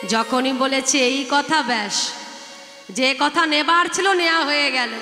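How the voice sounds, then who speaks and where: A woman kirtan singer narrating a devotional story in a slow, dramatic, devotional manner. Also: high-pitched. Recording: echoey hall with live music. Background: live instruments.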